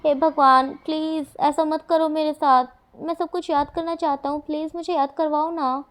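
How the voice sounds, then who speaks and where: A woman's voice: sits high, flat delivery, normal speed, natural voice. A woman voicing a moody, lovesick teenage boy in a story reading, whiny and pleading. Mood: lonely sulky.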